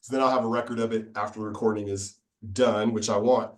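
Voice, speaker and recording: A man's voice: fairly low pitch, fairly even intonation, fast, far from the mic. An upbeat man hosts a casual video-call meeting. His talk is loose and joking, and he laughs easily between remarks. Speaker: meeting host.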